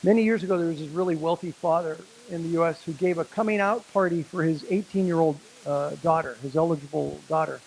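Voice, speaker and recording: High-voiced man giving a motivational talk. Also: vocal fry, a little mellow, slight background noise, low-quality recording. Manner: storytelling, slows down for emphasis. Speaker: speaker at a business networking event. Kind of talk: motivational speech with a told joke.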